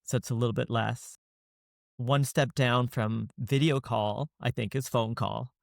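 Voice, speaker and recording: A man hosting a podcast, speaking in a measured way and laying out his ideas step by step. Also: mid-range voice, fairly even intonation, creaky, no echo, studio quality. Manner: measured, explains in orderly steps. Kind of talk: casual conversation.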